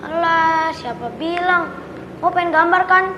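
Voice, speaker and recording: A woman's voice: very high-pitched, normal speed, dull audio, slight background noise. A woman playing a cheeky nine-year-old boy who teases and provokes the other children, in film dialogue. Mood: teasing. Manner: teasing, provoking.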